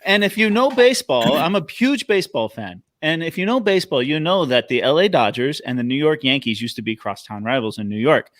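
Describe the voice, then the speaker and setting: American man, mid-pitched voice, casual panel talk, animated storyteller, dry sound. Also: fairly quick, hardly any pauses, dry recording. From Los Angeles, United States. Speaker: guest panelist.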